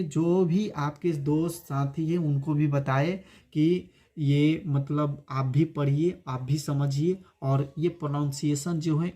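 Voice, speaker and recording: A man teaching a spoken English lesson, repeating words slowly to drill their pronunciation. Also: a little high, a little mellow.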